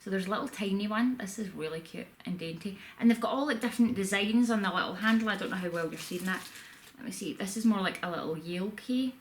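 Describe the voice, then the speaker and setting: A woman vlogs from a room in her home in a casual haul video, chatting and rambling a bit with self-deprecating asides. Her voice is medium-pitched and quick, and the room sounds echoey with faint background noise.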